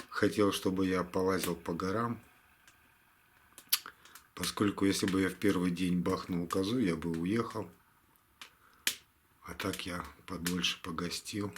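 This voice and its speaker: A tired man talking casually to camera in a halting, resigned way, like a hunting vlogger winding down his day. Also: deep voice, noisy background. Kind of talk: casual vlog monologue to camera.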